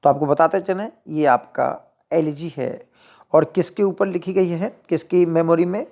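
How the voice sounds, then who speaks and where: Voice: mid-range voice, a little slow, a little mellow, muffled recording. A teacher giving an exam-prep lecture, reading each question and its options aloud and then explaining the answer in Hindi with English literary terms mixed in.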